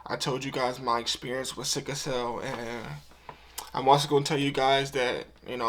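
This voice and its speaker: Medium-pitched and fairly bright, this young man in his twenties pours his heart out in a vlog. He speaks to camera casually and earnestly with plenty of slang, circling back to the same points often.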